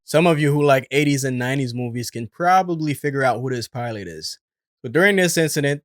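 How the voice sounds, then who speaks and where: A man's voice: medium pitch, no room sound, clean studio sound. A man hosting and giving explanatory voice-over commentary. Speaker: host and commentator.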